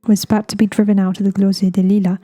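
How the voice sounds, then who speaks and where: Dark-toned, deadpan English woman narrator. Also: medium pitch. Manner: measured, deadpan. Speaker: audiobook narrator. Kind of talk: scripted audiobook narration.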